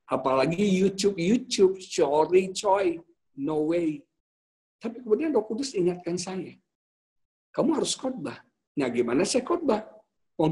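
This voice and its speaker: A man preaching a sermon as a pastor, telling stories with jokes and asides and often speaking straight to the women in his audience. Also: on the high side. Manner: lively storytelling with jokes and asides; often addresses the women listeners directly.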